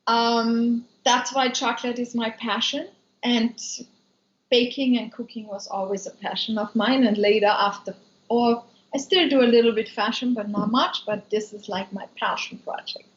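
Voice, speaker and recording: Answering viewers' comments during a casual live stream, a woman from Austria uses plenty of ums and an Austrian German accent. Her voice is a little high, her tone steady, her speed normal; she makes food and runs a business. Echo from the room and a dull lo-fi quality mark the audio.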